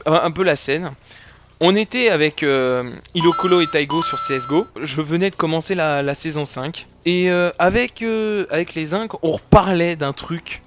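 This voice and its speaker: A young man in a casual, joking channel recap, full of slang. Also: a little high. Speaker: YouTube gaming creator. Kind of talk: casual anniversary recap video.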